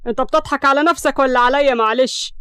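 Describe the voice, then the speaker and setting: A woman with an Egyptian accent voicing a proud, defiant young Upper Egyptian man who shouts in anger and turns to cold mockery. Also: fairly high pitch, fast talker, no echo, studio quality, natural voice. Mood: furious.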